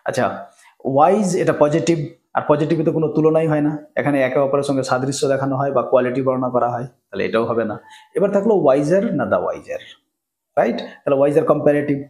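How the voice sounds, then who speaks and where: A man teaching English grammar for exam preparation, explaining each option step by step, often checking in with "right?", and reading example sentences slowly. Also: medium pitch, a little mellow, roomy sound. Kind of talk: exam-prep grammar lesson.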